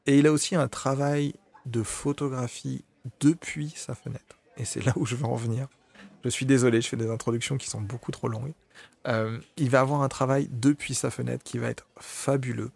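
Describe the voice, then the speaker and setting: A man's voice: medium pitch, steady tone, moderate pace, vocal fry, a little mellow, no room sound. A man giving an informal spoken talk on photography, hesitant, with many fillers, restarts and apologies. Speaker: photography presenter.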